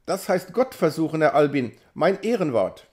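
A man's voice: fairly high pitch, big pitch swings, normal speed, a little mellow. A man reading an audiobook, voicing a fussy, motherly woman who pleads in a raised, imploring voice. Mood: scolding.

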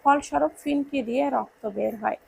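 A woman narrating an emotional romance story in a slow, tender, dramatic way. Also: sits high, vocal fry, a little mellow, a little hiss or hum, low-quality recording.

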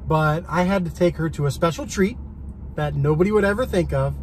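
A man in his forties hosting a casual vlog indoors at a gas station eatery, upbeat and quick to laugh. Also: on the high side, slight background noise, poor audio. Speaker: vlog host. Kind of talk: casual chat.

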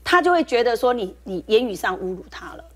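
A woman with a Taiwanese Mandarin accent, a nurse guest on a talk show, explaining briskly with a laugh now and then. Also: fairly high pitch, very animated.

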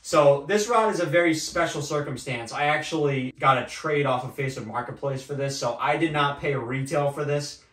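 A man's voice: on the high side, normal speed, few pauses. A young man hosting a fishing channel, casually walking through his gear with lots of fillers, recorded at a table indoors by a camera across the room. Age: young adult. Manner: relaxed, chatty, many fillers. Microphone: far camera. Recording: roomy echo, voice far from mic.

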